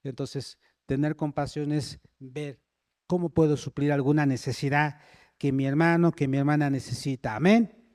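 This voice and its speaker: A man's voice: on the high side, steady tone, normal speed, a little mellow, dry recording. Man, preaching, asks the congregation for amens, dry recording. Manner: checks in with the congregation, calls for amens. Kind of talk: sermon.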